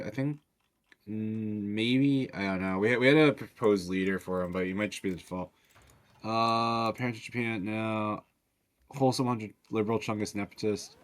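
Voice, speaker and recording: A very low-pitched man rambles casually as a mod developer on a stream. His talk is loose and full of fillers, and he swears freely. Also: steady tone, moderate pace.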